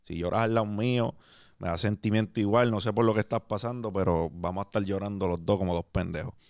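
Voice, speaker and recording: A man's voice: lowish voice, fairly even intonation, fast talker, a little mellow, clear, resonant tone, no echo, studio quality. A man with a Puerto Rican accent hosting a podcast, laid-back and slangy, slipping English words into his Spanish. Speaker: podcast host. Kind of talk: casual interview. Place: podcast studio.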